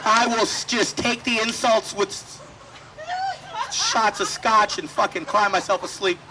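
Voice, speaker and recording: A man's voice: high-pitched, steady tone, measured pace, noisy background. A man doing profane stand-up crowd work on an outdoor festival stage. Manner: profane, conversational crowd banter. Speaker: stand-up comedian.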